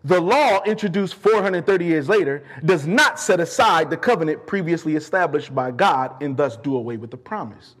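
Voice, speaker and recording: Fervent male preacher with animated, swooping delivery. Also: fairly high pitch, moderate pace, few pauses, slightly rough. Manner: emphatic and fervent, repeating key phrases for weight. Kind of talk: sermon with scripture exposition.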